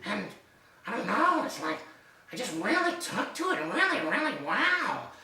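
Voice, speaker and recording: A woman improvising a wholesome, stammering country gal who says "by golly" and "golly gee". Her pitch swoops up and down. She sounds distant, in an echoey room. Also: big pitch swings, moderate pace, bright, forceful tone. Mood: earnest. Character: folksy stammering woman recalling auditions. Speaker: improv performer. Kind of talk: improv stage scene. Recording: echoey stage from afar.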